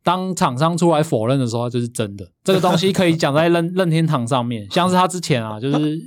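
台湾口音男声，收音干净贴近. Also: male voice, a little high, expressive, fast talker, dry recording, clean studio sound. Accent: Taiwanese. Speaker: podcast co-host. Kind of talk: casual podcast chat.

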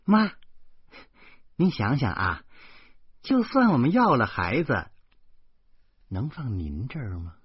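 A man voicing a cheerful, quick-witted young wife who teases with quick comebacks, on a slightly muffled recording. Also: mid-range voice, sing-song, breathy edge, no room sound, full character voice. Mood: coaxing. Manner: bright, teasing, quick comebacks.

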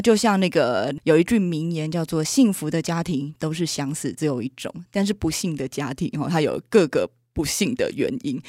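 A woman hosting a casual podcast chat, chatty and quick to react. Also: low-pitched, darkish tone, dry recording, clean studio sound. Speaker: podcast host.

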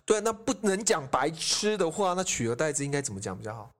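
A man's voice: on the high side, very animated, fast talker. A man hosting a podcast, chatting casually and asking his guest questions, with many short agreeing sounds. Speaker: podcast host.

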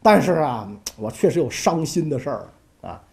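A woman voicing a loyal male minister of an ancient court who weeps and pleads with his king, in a lowered voice. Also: big pitch swings, moderate pace, gravelly, darkish tone, full character voice. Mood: pleading.

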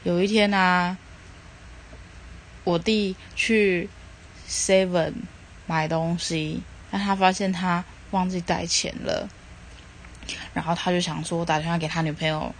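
Low-voiced woman telling a joke. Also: flat delivery, slight background noise. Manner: rambling storytelling strung together with "and then"; slows down for the punchline quotes. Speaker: podcast host.

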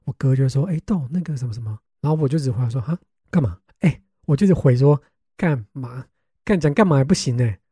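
Fast-talking Taiwanese-accented young man. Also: mid-range voice, husky, no room sound, clean studio sound. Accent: Taiwanese Mandarin. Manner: animated, exasperated, swears casually. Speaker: podcast host. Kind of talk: casual storytelling chat.

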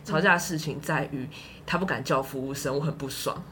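Speaking fairly quickly in a low-sitting voice, this Taiwanese Mandarin-accented woman is a podcast guest sharing a story over relaxed, laughter-filled conversation. She tells it with animation and laughs often, and there's a bit of background noise.

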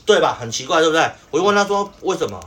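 A man's voice: on the high side, animated, rapid-fire, fairly bright tone. A young man, telling an exasperated work story in casual podcast chat, full of fillers. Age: young adult.

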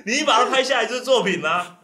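A man's voice: very high voice, expressive, fast talker, bright, forceful tone, slightly rough. A man with a Taiwanese Mandarin accent hosting a podcast in casual comedic chat, teasing and laughing often. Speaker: podcast host.

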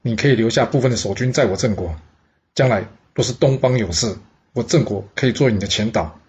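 A shrewd aging envoy pleads his case in earnest, reasoning point by point, as a man voices him. The voice is rough and husky, held at an even middle pitch. The audio sounds dull and lo-fi. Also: brisk. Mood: persuasive.

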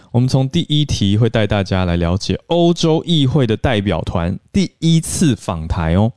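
A podcast host talks through the news in a chatty, explaining way, with plenty of fillers. His voice sits a little low and comes across smooth and clear. The sound is dry and close to the mic, with no room echo. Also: a little mellow. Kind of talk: casual news and English-learning podcast talk.

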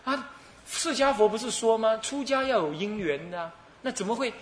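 A man's voice: sits high, animated, normal speed, echoey room, a little hiss or hum, pitched above the performer's own voice. A male preacher voicing a proud senior disciple who speaks formally and hesitantly. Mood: puzzled.

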